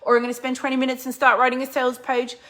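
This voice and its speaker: Bright, high-voiced woman business coach. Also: rapid-fire. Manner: energetic, chatty, faith-based pep talk. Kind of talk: motivational talk to camera.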